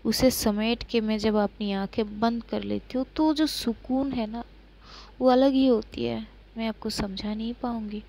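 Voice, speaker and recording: A woman's voice: on the high side, fairly even intonation, a little slow, creaky. A woman doing Maisha, a playful flirty lover. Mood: tender.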